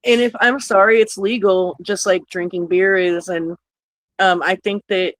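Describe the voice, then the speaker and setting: A woman's voice: medium pitch, steady tone, normal speed, rough recording. A woman co-hosting a casual talk stream, blunt and emphatic, swearing freely as she reacts to clips. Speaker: co-host. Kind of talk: casual profane commentary on clips.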